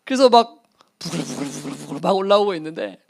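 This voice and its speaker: A man's voice: a little high, lively intonation, quick pace, vocal fry, a little hiss or hum. A middle-aged male pastor telling a personal story in a sermon, acting out the voices and laughing at himself.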